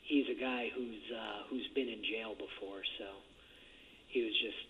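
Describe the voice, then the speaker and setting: Speaking a little slowly in a steady tone that sits on the low side, a man rambles hesitantly in a casual conversation on a jail phone. The handset recording is muffled and full of noise.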